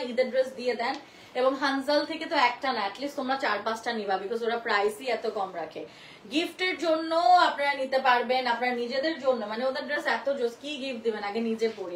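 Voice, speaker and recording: A woman's voice: fairly high pitch, a little hiss or hum, low-quality recording. A woman in her thirties with a Bangladeshi accent, chatting casually as she shows clothes on a live stream and reads viewer comments, switching between Bengali and English. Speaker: live sale host.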